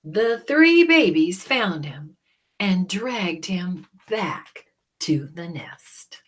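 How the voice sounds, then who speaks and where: A woman reading a children's story aloud in a dramatic, deliberate way, with hushed moments. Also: fairly low pitch, sing-song. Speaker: storybook reader.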